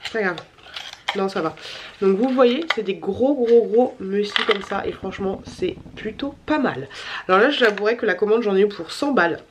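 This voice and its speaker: A woman vlogger talks in a nasal, stuffed-up voice that sounds tired. She chats casually and rambles, with plenty of fillers and repeated words, in a middle pitch. A faint background noise sits under her voice. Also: moderate pace. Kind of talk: casual chatty haul vlog.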